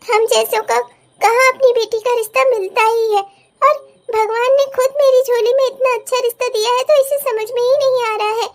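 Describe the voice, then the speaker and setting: A woman's voice: extremely high pitch, fairly even intonation, normal speed. A woman voicing a distraught widowed mother of two grown daughters in a dramatic cartoon, wailing and scolding. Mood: worried.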